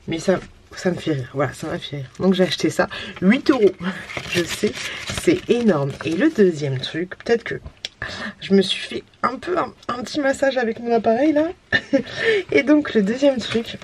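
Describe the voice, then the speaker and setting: Woman, 30s, casual home vlogger; giggly, slangy, mid-pitched, light background hiss. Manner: chatty, giggly, slangy and nostalgic. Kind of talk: casual vlog chat.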